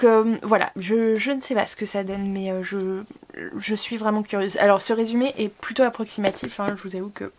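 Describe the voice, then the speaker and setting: A woman's voice: mid-range voice, a little mellow. A woman chats casually to camera about her book hauls. She rambles, fills gaps with hesitations and corrects herself mid-sentence. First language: French. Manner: rambling, many fillers and self-corrections. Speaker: book vlogger. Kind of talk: casual chat.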